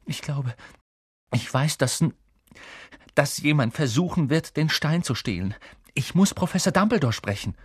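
A man's voice: a little high, expressive, moderate pace, pauses often, husky, no room sound, studio quality, pitched above the performer's own voice. A man voicing an urgent, anxious schoolboy. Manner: urgent, hushed at times.

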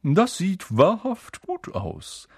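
A man's voice: sits high, sing-song, measured pace, creaky, no echo, voice pushed up, heavily acted. A prim, centuries-old ghost nobleman, voiced by a man reading an audiobook, talks in a raised, formal, stiffly courteous voice. His lines move up and down a lot. The sound is close and dry. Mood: wistful, formal. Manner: formal, stiffly polite, easily offended. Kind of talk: audiobook character voice.

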